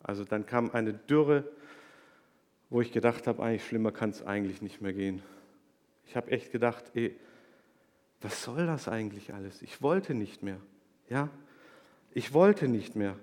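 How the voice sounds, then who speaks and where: A man giving an emotional church testimony into a handheld microphone, confessional and earnest, dropping to a hush and then rising loud. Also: on the low side, expressive, normal speed, pauses often. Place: church hall. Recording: long church hall reverb.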